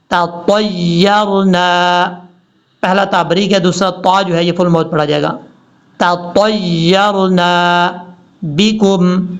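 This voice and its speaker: Man teaching recitation, kinda high voice, stretches each word out slow then explains quick, dull lo-fi sound. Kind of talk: recitation lesson.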